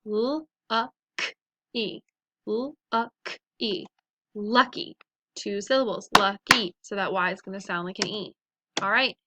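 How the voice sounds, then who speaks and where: Over a noisy background, a mid-range female voice leads a phonics lesson for young kids. She pronounces letters and words slowly and distinctly.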